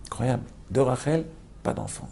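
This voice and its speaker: A man's voice: mid-range voice, moderate pace, gravelly, noisy background. A man teaching a spoken Torah lesson, telling the story with many rhetorical questions to his listeners and restarting phrases as he explains.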